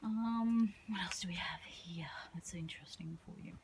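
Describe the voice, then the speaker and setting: A woman's voice: lowish voice, normal speed, darkish tone, a little hiss or hum, low-quality recording. A woman, a herbalist giving a casual tour of her outdoor garden, talking into a handheld phone in a rambling way with frequent ums.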